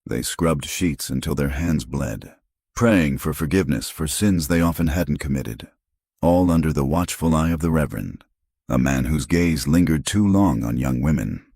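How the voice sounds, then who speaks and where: A man narrates a western audiobook in a measured, dramatic read. His voice is very deep with a husky grain. The recording is close and dry. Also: darkish tone, dry recording. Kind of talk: scripted narration.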